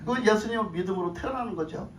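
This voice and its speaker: A female pastor preaches a sermon in a church sanctuary, speaking very fast in a mid-range voice. She often asks the congregation questions, repeats her phrases, and chuckles. The recording is echoey, with her voice sounding far off amid faint noise.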